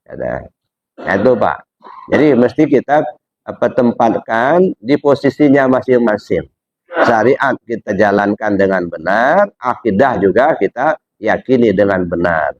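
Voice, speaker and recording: A man giving a religious study lecture, asking his listeners rhetorical questions and jumping up in pitch to stress his points. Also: lively intonation, unhurried, no room sound, muffled recording. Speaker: Islamic religious teacher.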